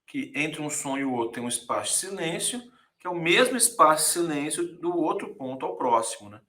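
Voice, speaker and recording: A man's voice: a little high, lively intonation, a little fast, bright, forceful tone. A Brazilian man teaching a music class, talking to students casually and counting beats aloud. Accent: Brazilian Portuguese. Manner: talks to students directly with many "né, gente", sings and counts beats aloud. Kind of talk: casual recorded lecture. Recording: echoey room.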